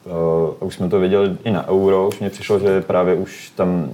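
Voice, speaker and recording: A man with a very low, mellow voice talks football as a pundit. His phrasing rambles in a loose, colloquial way, and his delivery stays fairly flat. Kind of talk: casual football discussion.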